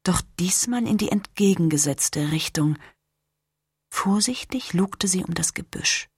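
Woman narrator, historical novel, husky, low, lively intonation, occasional whispers. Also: measured pace, no echo, studio quality. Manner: expressive, sinking to whispers in tense moments. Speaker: audiobook narrator.

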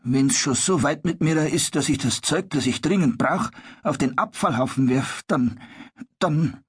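An actor playing a kindly, easily flustered old master carpenter who grumbles and swears mildly. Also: male voice, fairly high pitch, a little slow, slightly rough. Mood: dismayed. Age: older. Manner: grumbling, exasperated oaths.

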